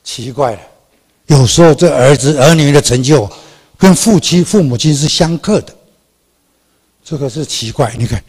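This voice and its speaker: An older man giving a public history lecture in a large hall, animated and asking the audience questions. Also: on the high side, normal speed, long pauses, breathy edge.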